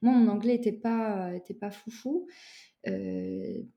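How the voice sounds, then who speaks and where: A woman's voice: medium pitch, huge pitch swings, a little slow, dark tone, dull audio. A young woman from France, a guest in a casual interview, talking loosely with many fillers and restarts.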